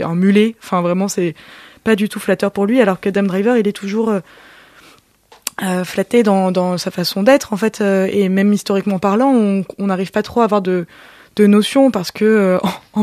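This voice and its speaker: A woman gives her opinion of a film in a relaxed chat, stopping often to search for words. Her voice sounds close and dry, with no room around it. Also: medium pitch, no echo. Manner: hesitant, many pauses and fillers. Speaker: film critic. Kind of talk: casual film discussion.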